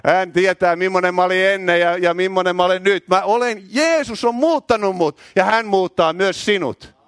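A man of middle age delivers a charismatic sermon in a church, shouting with fervour. His voice sits high, and the recording is dry, with little room sound. He repeats words when he gets carried away. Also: smooth, no room sound. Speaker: preacher.

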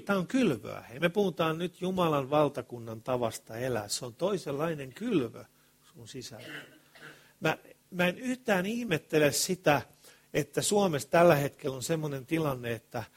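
A man of medium pitch, his voice slightly breathy, preaches a sermon in informal language. Loud, passionate stretches give way to quiet asides, and he keeps putting rhetorical questions to the congregation.

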